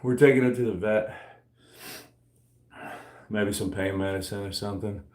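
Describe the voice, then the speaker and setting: Between sets of weightlifting in his home gym, a man in his forties chats casually, joking and poking fun at himself. His lowish voice has a steady, darkish tone at normal speed, and the recording has a roomy echo.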